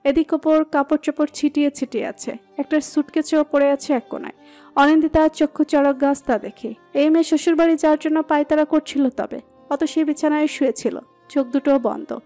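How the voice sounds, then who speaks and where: A woman narrating a romantic audio story in a steady, expressive reading. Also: sits high, a little fast. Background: soft background music.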